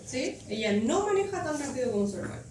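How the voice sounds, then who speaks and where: High-voiced teacher in echoey classroom. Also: female voice, big pitch swings, quick pace. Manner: patient, checks understanding with frequent questions. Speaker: English teacher. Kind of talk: classroom grammar explanation. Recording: echoey classroom from far off, noisy.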